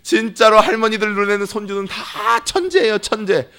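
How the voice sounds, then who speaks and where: A pastor preaching a sermon in a church, telling stories with lively, acted-out voices. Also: male voice, high-pitched, normal speed, smooth. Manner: lively storytelling that acts out quoted people. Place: church sanctuary.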